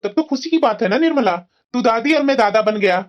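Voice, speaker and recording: A man voicing an easygoing elderly grandfather in a cartoon, calm and cheerful. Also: very high voice, fairly quick, dull audio. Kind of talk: Hindi cartoon voice acting.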